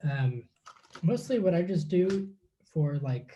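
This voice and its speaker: Man, guest, dark mellow voice, halting, thinking aloud, faint noise. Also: a little high, lively intonation, lo-fi sound. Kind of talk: casual chat while crafting.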